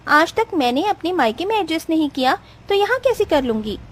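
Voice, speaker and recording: Woman voicing a shrill spoiled young bride. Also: lively intonation, moderate pace, darkish tone. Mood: furious. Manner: demanding, shrill, scolding. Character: spoiled rich young bride, selfish and haughty.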